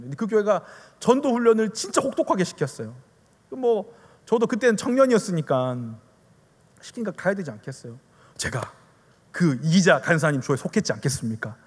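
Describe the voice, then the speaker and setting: A male pastor preaching to young adults, telling a story and throwing out rhetorical questions. His voice sits high and swings widely in pitch, and he talks fast. The sound rings in a reverberant hall. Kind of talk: youth sermon with storytelling.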